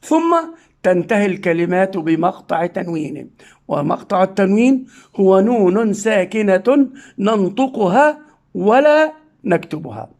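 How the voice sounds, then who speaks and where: Male reading teacher, slow and patient, stretches every syllable for young pupils. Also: high-pitched, darkish tone. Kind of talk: reading lesson for children, sounding out syllables. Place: Medina, Saudi Arabia school.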